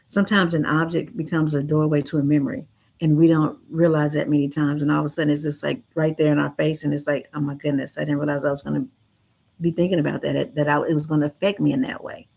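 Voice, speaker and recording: A woman with a deep-set, low voice talks straight to her listeners as a livestream host. Her manner is earnest and gentle, offering reassurance the way a counselor would. The delivery is unscripted and heartfelt. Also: flat delivery, quick pace, vocal fry, breathy edge. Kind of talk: heartfelt livestream talk to camera.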